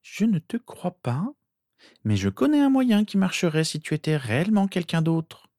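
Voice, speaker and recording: A man voicing a skeptical, teasing teenage girl with sharp retorts. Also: high voice, huge pitch swings, normal speed, no room sound, studio quality, pitched above the performer's own voice, heavily acted. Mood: mocking. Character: mocking skeptical teenage girl, Harry's sister.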